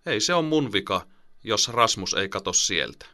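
A man's voice: on the low side, lively intonation, sharp tone, no echo, studio quality, heavily acted. A man voicing a defensive, teasing older brother in an audiobook, with a snappy manner. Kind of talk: audiobook character voice.

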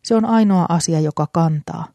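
A reader voicing an old grieving man who speaks softly but firmly in an audiobook. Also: mid-range voice, gravelly, no room sound, natural voice. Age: older. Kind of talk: audiobook character voice.

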